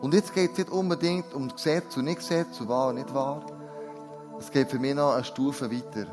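A man's voice: mid-range voice, moderate pace. A man preaching a sermon, earnest and putting direct questions to his listeners. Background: soft new-age music.

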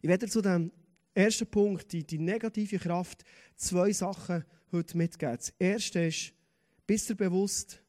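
A man preaching a lively sermon in church, reading scripture with acted voices. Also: high-pitched, a little slow. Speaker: pastor.

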